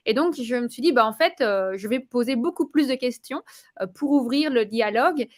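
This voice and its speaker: A woman giving a casual testimonial, talking with many fillers, pauses and restarts. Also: a little high, animated.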